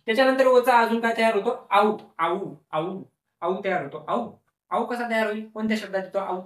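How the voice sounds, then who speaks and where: A man's voice: high-pitched, normal speed. A male teacher explaining a lesson, repeating each word several times and asking the class questions that he then answers himself. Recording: echoey room, voice from a distance.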